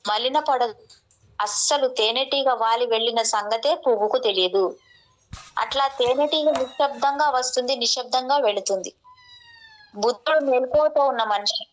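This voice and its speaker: Woman, measured spiritual reading, higher voice, dull lo-fi recording. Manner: slow, measured reading with restarts. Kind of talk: reading a spiritual text aloud.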